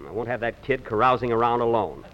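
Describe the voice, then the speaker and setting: Vain, exasperated comic emcee. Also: male voice, medium pitch, fairly even intonation, fast talker, a bit bright, lo-fi sound. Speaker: master of ceremonies. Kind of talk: 1940s radio comedy. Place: theater stage with live audience. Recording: noisy old radio broadcast.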